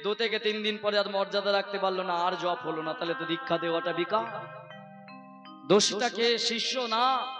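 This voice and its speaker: A high-pitched man delivers a devotional kirtan sermon, moving between chanted mantras and lively spoken storytelling. Loud instrumental music plays behind his voice in a live performance recording. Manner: alternates chanted mantras with animated spoken storytelling, acting out characters. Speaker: kirtan singer and preacher.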